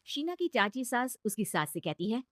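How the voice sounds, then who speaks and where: A woman narrating a cartoon moral story in a brisk, scripted way. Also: fairly high pitch, very animated, no room sound, clean studio sound.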